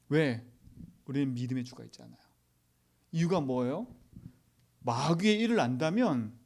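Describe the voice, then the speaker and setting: Korean pastor preaching in a fairly high voice. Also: male voice. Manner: asks the congregation rhetorical questions; swings from loud exhortation to near-whispers. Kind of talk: sermon.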